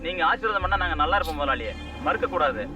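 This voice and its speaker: Brief: a man as a respectful, pleading manager, high and quick. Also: lively intonation, muffled recording, natural voice. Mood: polite. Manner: polite, pleading. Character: newly married male branch manager, respectful. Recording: distant film audio with music.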